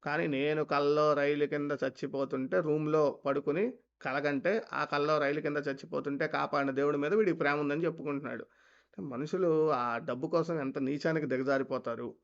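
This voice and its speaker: A man's voice: a little high, steady tone, fairly quick. A man commenting on a clip with scornful indignation and pointed rhetorical questions. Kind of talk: critical commentary. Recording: dull lo-fi sound.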